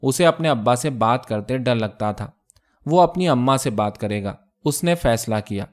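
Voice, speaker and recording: A male storyteller reading a translated short story aloud in a measured, even way. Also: mid-range voice. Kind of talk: scripted story narration.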